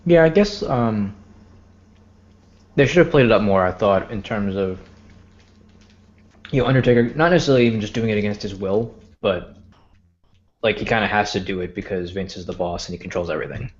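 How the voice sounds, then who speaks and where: A man's voice: fairly low pitch, a little fast, long pauses, dull audio. A man co-hosting a podcast in casual chat, hesitant and full of fillers. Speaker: podcast co-host.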